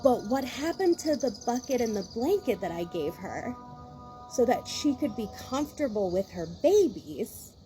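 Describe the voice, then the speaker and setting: A woman's voice: a little high, very animated, normal speed, music in the background. A woman vlogger in a casual rant, talking in a rambling, exasperated way with many restarts.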